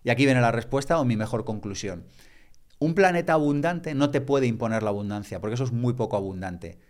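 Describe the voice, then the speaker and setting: A man's voice: mid-range voice, lively intonation, brisk, darkish tone. A man, a podcast guest talking reflectively and with emphasis in a conversational way.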